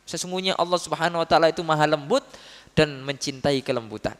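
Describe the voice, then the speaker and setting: A man giving a religious study talk, telling stories with lively acted quotes and often addressing his listeners as "Pak". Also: fairly high pitch, fast talker. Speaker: preacher. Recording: long hall reverb.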